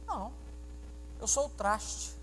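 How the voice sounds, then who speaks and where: Pastor preaching in an echoing church. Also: male voice, high voice, slow pace, slight background noise. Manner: animated storytelling, acting out dialogue and questioning the congregation. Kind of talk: sermon. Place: church sanctuary during a service. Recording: reverberant church hall sound.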